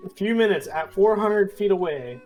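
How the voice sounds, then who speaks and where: A man's voice: high-pitched, expressive, normal speed, darkish tone, faint music behind. A man playing in a tabletop game, upbeat and joking. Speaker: player.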